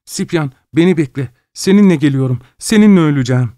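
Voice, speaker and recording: A man's voice: expressive, fast talker, warm tone, no room sound, studio quality, lightly acted. A man voicing a desperate young mother who clings to her husband, pleading in a raised voice. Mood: frantic. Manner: high-pitched, pleading, cries out.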